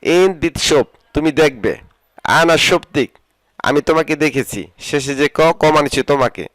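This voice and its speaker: A man's voice: fairly high pitch, a bit bright, dry recording. Dry-voiced man teaching phrase by phrase. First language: Bengali. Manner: repeats phrases slowly and translates each one. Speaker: Arabic language teacher. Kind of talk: spoken vocabulary lesson.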